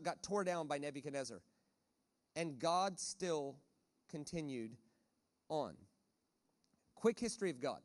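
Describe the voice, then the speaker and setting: A man preaching a conference sermon in a church auditorium, animated, acting out voices as he talks. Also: fairly high pitch. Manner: animated, acts out voices of panicked people and God. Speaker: guest preacher.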